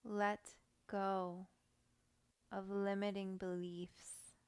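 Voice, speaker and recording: A woman guiding a meditation in a soft, soothing voice, giving calm, gentle instructions with long pauses. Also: medium pitch, clear, resonant tone. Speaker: meditation guide. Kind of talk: guided meditation.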